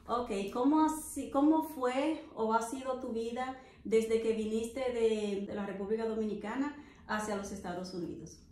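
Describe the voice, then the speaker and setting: A woman's voice: on the high side, fairly even intonation, moderate pace, a little mellow, echoey room. A middle-aged woman hosting a podcast interview, asking questions with many fillers. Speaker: podcast host. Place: living room on a sofa, indoors.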